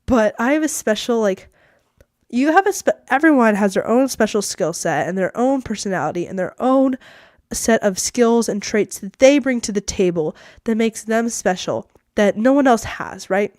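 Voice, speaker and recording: A woman's voice: on the high side, lively intonation, moderate pace, darkish tone, no echo, clean studio sound. A teenage girl hosting her own podcast, rambling in a casual, self-deprecating way, with a lot of "like" in her speech. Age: teens. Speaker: podcast host. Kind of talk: casual solo podcast monologue.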